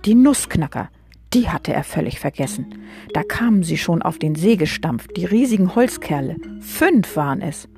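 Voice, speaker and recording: A woman reading a children's book aloud, gently addressing young listeners. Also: on the low side, expressive, moderate pace, faint music behind.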